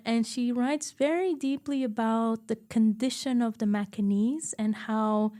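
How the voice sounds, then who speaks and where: A woman's voice: on the high side, unhurried, dark tone. A woman from Macau, a heritage researcher, talking thoughtfully in an interview and searching for her words. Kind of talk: reflective interview talk.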